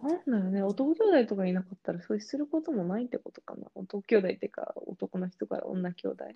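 A young woman co-hosting a podcast, speaking in a thoughtful, measured way in casual chat. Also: medium pitch, expressive, creaky, breathy edge, highs cut off. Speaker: podcast co-host.

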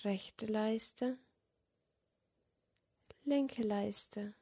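A woman guiding a meditation in a soft, soothing, dreamy and breathy voice, giving short spoken cues. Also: medium pitch, drawn-out words. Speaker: yoga nidra meditation guide. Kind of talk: guided meditation body scan, slow spoken cues.

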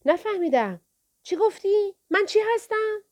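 A woman's voice: mid-range voice, lively intonation, a little mellow, natural voice. A woman voicing a bullying burly man who threatens and mocks in a storybook reading. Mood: menacing. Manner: taunting, threatening. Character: bullying burly grown man, menacing and mocking.

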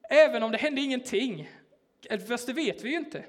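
A man's voice: very high voice, lively intonation. A man preaching in a church, telling a personal story in a casual, hesitant way with many fillers. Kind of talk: sermon told as a personal story.

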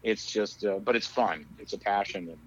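A man's voice: lowish voice, normal speed, no room sound. A man chatting casually as a podcast guest, rambling with lots of fillers and frequent laughs, heard over a phone call. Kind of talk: casual chat. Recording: muffled lo-fi audio.

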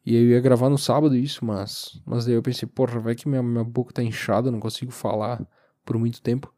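A sleepy young man with a southern Brazilian accent talks casually by himself as a podcast host, in an informal, halting, meandering way. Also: mid-range voice, level tone, warm tone. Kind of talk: casual solo monologue, rambling. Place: recorded lying down, alone.

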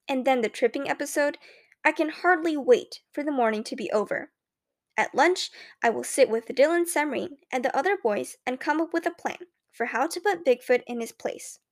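A woman reading a children's novel aloud in the first person, with clear, expressive storytelling. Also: high-pitched, normal speed. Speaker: audiobook narrator. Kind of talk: scripted first-person audiobook narration.

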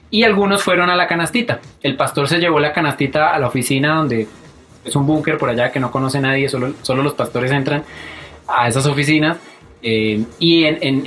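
Husky young man telling a story. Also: a little high. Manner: animated, acts out quoted dialogue. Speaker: vlogger telling a personal story. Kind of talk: casual storytelling to camera. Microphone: webcam or phone camera.

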